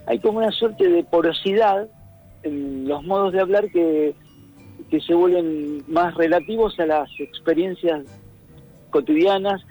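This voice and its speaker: Husky Rioplatense man on the radio. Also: sits high, a little slow, mellow, low-quality recording. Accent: Rioplatense Spanish. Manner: thoughtful, searching for words, hums rhythms. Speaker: radio columnist. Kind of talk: casual radio talk. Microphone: phone line. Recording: radio broadcast, faint music.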